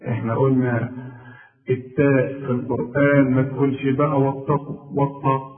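A man with an Egyptian Arabic accent teaching a Quran recitation lesson, patiently drilling letters and stretching words slowly to show the rules. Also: medium pitch, little pitch movement, far from the mic, faint music behind. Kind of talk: tajweed lesson. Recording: tinny phone-like audio from afar.

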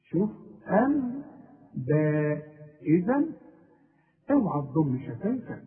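Egyptian teacher drawing out recited words. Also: male voice, a little high, very animated. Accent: Egyptian Arabic. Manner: repeats drawn-out example words, asks the listener questions. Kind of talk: tajweed lesson with slow recited examples. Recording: tinny phone-like audio.

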